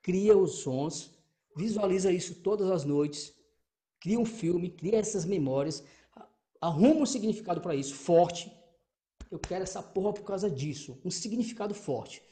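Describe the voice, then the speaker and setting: A man with a Brazilian accent giving an energetic motivational talk as a coach, emphatic, repetitive and swearing freely, asking rhetorical questions. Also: high-pitched, normal speed. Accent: Brazilian Portuguese. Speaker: motivational coach for exam candidates.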